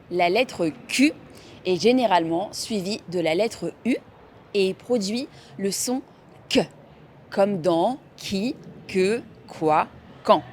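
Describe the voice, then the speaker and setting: A slow, careful female pronunciation teacher. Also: medium pitch, darkish tone, a little hiss or hum. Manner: clear, careful enunciation. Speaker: French teacher. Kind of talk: slow scripted pronunciation lesson.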